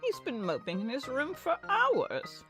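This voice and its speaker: Woman as creaky, fretful old aunt. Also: high-pitched, wildly swooping pitch, a little slow, music in the background, exaggerated voice. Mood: worried, tender. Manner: tender, fretful. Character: anxious, doting elderly aunt. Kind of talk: comic book dub acting.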